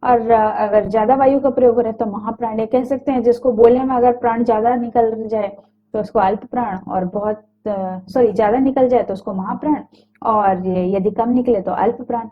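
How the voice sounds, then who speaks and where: A woman teaching a grammar lesson in a fairly high voice, sounding out each letter slowly and patiently and catching her own slips along the way. The sound is thin and tinny, as if it came through a phone line. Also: steady tone. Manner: small self-corrections and apologies. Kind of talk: recorded Hindi grammar lecture.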